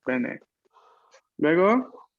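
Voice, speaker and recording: Very animated and fairly high-pitched, a man gives an Italian lesson in Spanish over video call, patiently repeating answers, explaining slowly, and checking in constantly with short tags. The sound is dry, narrow, and tinny.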